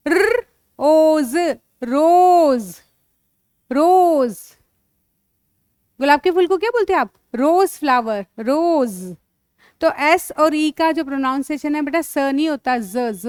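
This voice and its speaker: A woman's voice: sits high, dry recording, clean studio sound. A woman with an Indian accent teaching phonics to young children, sounding out words letter by letter and calling the listeners "beta".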